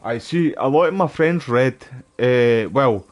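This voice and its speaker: A man's voice: medium pitch, expressive, unhurried, highs cut off, faint music behind. A man with a Glasgow street accent giving casual, rambling gameplay commentary, full of cheeky slang and swearing. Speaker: gaming streamer.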